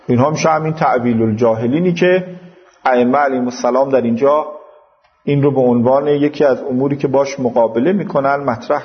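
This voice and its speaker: A man's voice: a little high, muffled recording. A man with an Iranian Persian accent giving a religious lecture as a teacher, explaining scripture didactically with recited quotations and paraphrases. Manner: didactic, quoting Arabic then paraphrasing.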